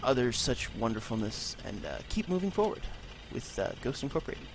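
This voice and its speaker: Brisk and sing-song in a mid-range voice, a man hosting a gaming channel rambles through casual let's play commentary with self-mocking humor. He's a little congested from allergies, and his unpaneled room has slight background noise.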